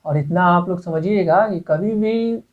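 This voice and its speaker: A male Hindi grammar teacher with a high voice and measured pace gives an exam-prep lecture, faint music playing behind him. He repeats words, poses rhetorical questions to himself and keeps checking in with "okay." The audio is tinny and lo-fi, like a phone.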